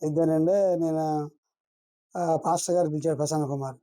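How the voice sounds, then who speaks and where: A man's voice: on the high side, fairly even intonation, moderate pace, mellow, dry recording. A man, a fraud victim, telling a reporter his story in a long rambling account, acting out what others said. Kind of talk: recounting events to a reporter.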